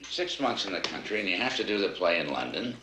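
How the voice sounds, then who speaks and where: An actor playing a stubborn, defensive husband with a wry edge in a screen drama. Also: male voice, deep voice, sing-song, fast talker, pushed and bright, exaggerated voice. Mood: aggrieved. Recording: echoing room, faint noise.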